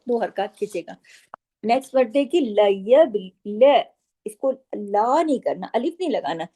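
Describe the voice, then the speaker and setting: A woman gives a tajweed lesson, patiently explaining each rule. Her voice is fairly high and mellow. She speaks very slowly and repeats words one by one. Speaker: Quran recitation teacher. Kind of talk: slow tajweed lesson with recited phrases.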